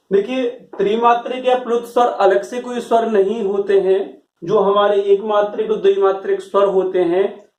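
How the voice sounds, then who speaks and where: A man's voice: high-pitched, darkish tone. A man teaching a grammar lesson to a class, explaining patiently and checking often that students follow. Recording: roomy echo, voice from far off.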